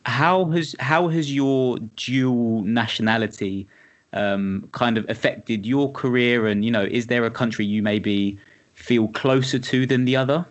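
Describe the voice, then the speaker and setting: A man hosting a podcast, asking questions in a relaxed, loose way with plenty of fillers. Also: medium pitch, a little slow, lo-fi sound. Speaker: podcast host. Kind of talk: casual podcast interviewing.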